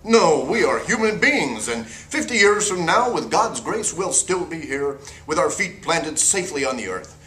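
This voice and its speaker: Man acting as prim 1960s parody news anchor, earnest, sanctimonious, highish forceful voice, lively intonation, echoey room. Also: normal speed, hardly any pauses, slight background noise. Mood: solemn conviction.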